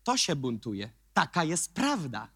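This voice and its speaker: A male pastor giving an emphatic sermon, dropping to quiet asides and rising to loud, repeated questions. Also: on the high side, wildly swooping pitch, unhurried, husky, dry recording, clean studio sound. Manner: mocking put-on voices of churchgoers.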